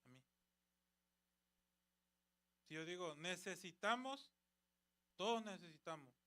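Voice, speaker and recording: A man's voice: sits high, expressive, slow, a bit bright. A man preaching at a church youth service, exhorting with rhetorical questions and retelling conversations. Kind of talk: sermon.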